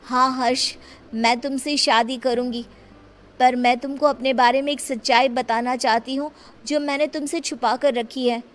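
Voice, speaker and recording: High-pitched, naive young kinnar played by a woman. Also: steady tone, moderate pace, faint music behind, lightly acted. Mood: tender. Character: naive, curious, beautiful young kinnar Shakti. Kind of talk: dramatized Hindi story acting.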